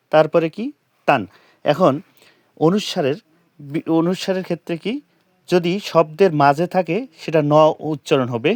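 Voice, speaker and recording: A man teaching how to pronounce and understand a scripture verse, chanting it slowly syllable by syllable and putting rhetorical questions to the listener. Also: a little high, dry recording, clean studio sound. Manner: slow and careful, chanting verse lines syllable by syllable. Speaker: Gita teacher. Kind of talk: explaining scripture pronunciation and meaning.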